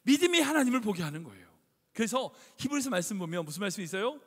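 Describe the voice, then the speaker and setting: A man's voice: high voice, sing-song, racing, slightly rough. A male pastor preaching a sermon in a church, conversational and emphatic, asking the congregation rhetorical questions. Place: church sanctuary. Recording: echoey hall reverb.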